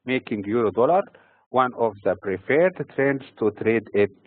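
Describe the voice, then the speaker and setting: A man from Egypt giving scripted financial market commentary in a steady, formal delivery. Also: medium pitch, normal speed, no room sound. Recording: tinny phone-like recording.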